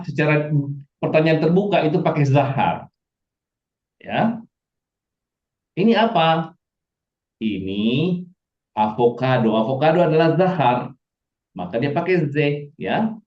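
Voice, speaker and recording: A man teaching a Hebrew lesson online, acting out dialogue lines in playful voices. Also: mid-range voice. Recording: echoey, dull lo-fi audio.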